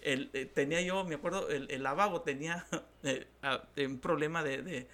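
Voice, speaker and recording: Appearing on a talk show, a pastor from northern Mexico spins lively stories, imitating the voices of those he quotes. He speaks at a moderate pace in a somewhat high voice.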